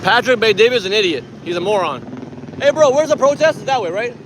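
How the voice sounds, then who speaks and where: Rambling, animated man in his forties, from Iran. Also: high-pitched, quick pace, background noise. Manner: rambling, animated, laughs often. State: tired. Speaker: activist vlogger. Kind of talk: casual vlog to camera. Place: city street outdoors.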